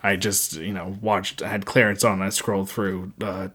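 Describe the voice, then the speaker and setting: A man's voice: deep voice, level tone, moderate pace, a bit bright, slightly rough. A man co-hosting a podcast in casual chat, rambling with many fillers and restarts. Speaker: podcast co-host.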